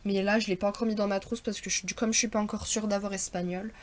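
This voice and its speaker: A woman's voice: mid-range voice, little pitch movement. Teenage girl, casual vlog, hesitant chatty delivery, faint background hiss. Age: teens. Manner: chatty and hesitant, many fillers and quick apologies. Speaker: vlogger. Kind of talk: casual back-to-school haul vlog.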